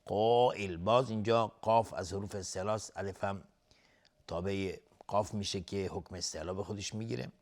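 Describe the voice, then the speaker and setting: A man teaching tajweed, slowly chanting verse phrases and then briefly explaining the pronunciation rules, sometimes trailing off into a whisper. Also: fairly low pitch, fairly even intonation, a little mellow. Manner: drawn-out chanted recitation alternating with quick explanation. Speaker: Quran recitation teacher. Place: television studio.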